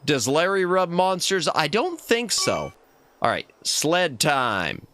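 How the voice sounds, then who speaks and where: A man hosting a casual game livestream, chatting in an expressive, exclamatory way. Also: fairly high pitch, slow, soft background music. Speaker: livestream host.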